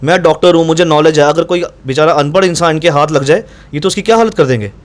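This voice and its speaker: A man telling a reporter about his run-in with police, insistent and acting out both sides of the exchange. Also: a little high. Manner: fast, insistent, reenacts dialogue. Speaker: doctor recounting incident to reporter. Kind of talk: animated first-person account.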